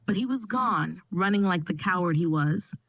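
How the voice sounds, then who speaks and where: A woman narrating a first-person family drama in a steady, dramatic storytelling manner. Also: fairly low pitch, moderate pace, dry recording, low-quality recording.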